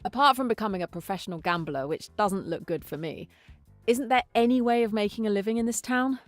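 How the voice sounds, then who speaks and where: A woman's voice: mid-range voice, fairly quick, soft background music, close to an everyday voice. Woman voicing a wry English investigator. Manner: probing, wry. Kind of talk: video game voice acting.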